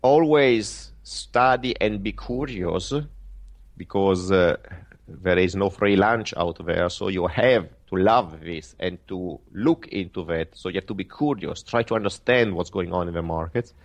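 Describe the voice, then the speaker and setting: Italian-accented man, lowish voice, halting podcast guest full of fillers. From Italy. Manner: halting, many fillers and restarts. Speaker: guest trader. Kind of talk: podcast interview answers.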